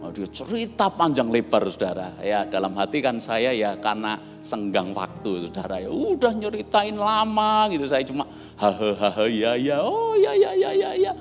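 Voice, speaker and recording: A man preaching a sermon, telling stories in a chatty, animated way and acting out dialogue. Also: mid-range voice, moderate pace. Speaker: pastor. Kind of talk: sermon with storytelling. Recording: long reverb, soft music behind.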